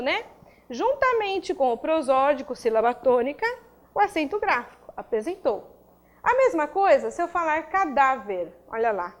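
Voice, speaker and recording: A woman giving a grammar video lesson, explaining step by step and often checking in with her students. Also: sits high. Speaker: grammar teacher. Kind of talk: video lesson for exam prep.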